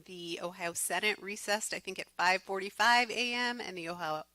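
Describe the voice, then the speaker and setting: A woman leading a school board meeting, giving a fast legislative update full of ums. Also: mid-range voice, bright, forceful tone, no echo, poor audio. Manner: fast-talking with many ums. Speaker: board president.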